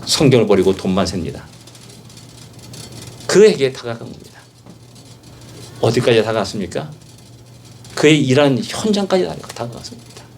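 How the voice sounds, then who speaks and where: Male pastor, mid-pitch, highly animated sermon delivery; emphatic, repetitive, soft-to-loud swings. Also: moderate pace, pauses often, slight background noise. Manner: rhetorical questions and repeated phrases.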